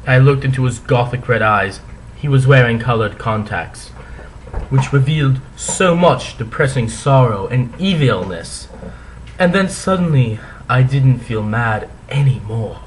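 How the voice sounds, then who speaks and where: A man giving a hammy, stage-actor dramatic reading of fan fiction, with theatrical pauses and swells. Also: medium pitch, expressive, slight background noise, poor audio.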